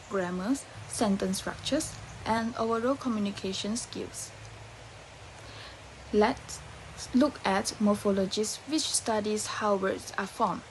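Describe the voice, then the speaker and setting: A woman's voice: mid-range voice, slight background noise, poor audio. Young woman reading a class presentation. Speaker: student presenter, future English teacher.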